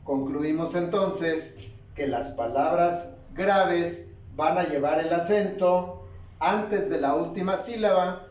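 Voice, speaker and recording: A man teaching a spoken grammar lesson, slow and deliberate, asking questions and answering them himself. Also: a little high, darkish tone, recorded from a distance. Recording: echoey room, voice from off-mic.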